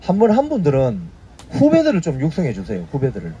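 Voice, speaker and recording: A man's voice: fairly high pitch, wildly swooping pitch, fast talker, mellow, husky, highs cut off. A man in his fifties hosting a casual news briefing, prodding his viewers with short tag questions. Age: 50s. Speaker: YouTube news briefing host. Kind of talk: casual spoken commentary.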